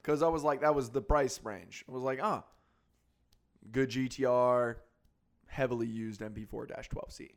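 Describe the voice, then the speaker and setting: A man's voice: mid-range voice, moderate pace, vocal fry. Laid-back man hosting a car podcast. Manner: self-deprecating, laughs often, animated asides. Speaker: podcast host. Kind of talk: casual car chat.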